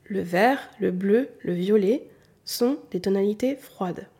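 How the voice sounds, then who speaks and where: A woman with a warm, mellow and slightly husky voice gives a patient lesson, speaking straight to the viewer. She comes from southern France and keeps only a faint trace of a southern French accent. She often circles back to repeat her main points. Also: medium pitch, takes it slowly. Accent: southern French, mostly hidden. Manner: patient, addresses the listener directly, repeats key points. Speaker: colour analysis consultant. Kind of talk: explanatory talk to the viewer.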